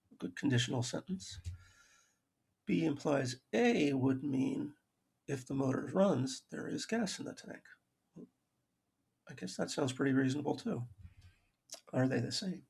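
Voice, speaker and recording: A man's voice: on the high side, darkish tone. A man giving a recorded math lecture over slides, explaining logic with dry self-aware humor and frequent restarts. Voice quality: gravelly, husky voice.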